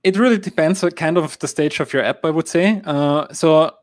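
Here a fairly high-pitched man from Austria, German being his first language, serves as the app marketing guest expert in a live-stream Q&A. He speaks at a moderate pace, hedging and filling often, and there is no echo.

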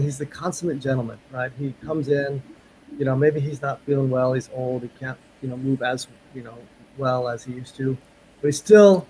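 A man's voice: mid-range voice, darkish tone, rough recording. A man giving a casual, chatty interview as a guest, often repeating words for emphasis. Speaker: interview guest, martial arts instructor. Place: remote call from Japan. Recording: clear ambient background noise.

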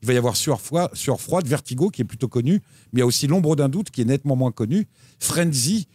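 A man co-hosting a casual chat show about TV and streaming picks, talking in an animated way with lively jumps in pitch. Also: fast talker, husky, dry recording, clean studio sound. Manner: animated, lively pitch swings, frequent restarts. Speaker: co-host recommending TV shows.

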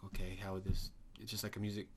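A man's voice: fairly low pitch, level tone, fast talker, background noise. A young man co-hosting a podcast, chatting in a rambling, profane way. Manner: profane, rambling, bursts into loud laughing voices. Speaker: podcast co-host. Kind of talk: casual chat.

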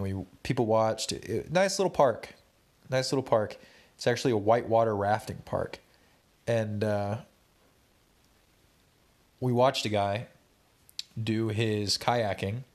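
A man's voice: on the low side, a little mellow. A young man with a stuffed-up nose, tired and laid-back, casually recapping his day to viewers in a rambling, slangy vlog. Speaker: vlogger.

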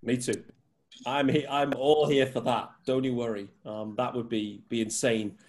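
A man's voice: mid-range voice, steady tone, normal speed, darkish tone. A man from the UK hosting a casual podcast chat, upbeat and enthusiastic as he asks his guests questions. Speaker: podcast host.

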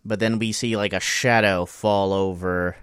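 A man with a fairly low voice retells a show's plot with lively, casual storytelling. The sound is dry, with no room echo. He speaks in a relaxed way. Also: measured pace, smooth. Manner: animated storytelling with laughs. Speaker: podcast co-host. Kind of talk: casual recap chat.

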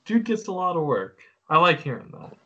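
A man's voice: a little high, big pitch swings, fairly quick, pushed and bright, dull audio. A man co-hosting a podcast in casual chat, rambling and joking as he talks through a game's characters. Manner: rambling, self-interrupting, joking. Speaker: podcast co-host.

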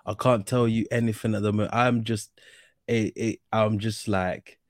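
A man's voice: fairly low pitch, level tone, moderate pace, no room sound, studio quality. A young man with a slangy London roadman accent, hosting a casual football chat. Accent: London, urban street slang. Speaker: host of a football discussion show.

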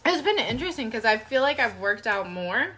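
A woman's voice: on the high side, very animated, fairly quick, fairly bright tone. A woman co-hosting a casual chat over a meal, self-deprecating and prone to giggles. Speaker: co-host. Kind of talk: casual chat while eating.

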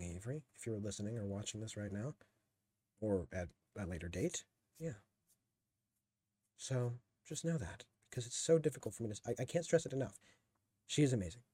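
A man's voice: medium pitch, warm tone, breathy edge, no room sound. A young man hosting a casual podcast, answering listener questions in a rambling, giggly way that keeps cutting himself off. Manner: rambling, giggly, self-interrupting. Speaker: podcast host.

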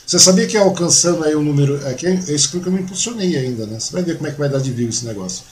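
A man hosting a casual interview chat, chatty and quick to jump in. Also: fairly high pitch, lively intonation, slight background noise. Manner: chatty, interjects often with short backchannels. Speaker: host.

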